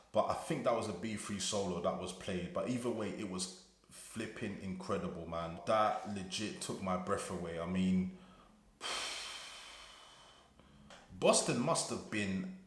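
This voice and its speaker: A British man reacts to music for his channel, talking in a fairly low voice. He gushes breathlessly, stumbling through restarts and fillers. The sound is roomy and echoey. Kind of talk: excited music reaction commentary.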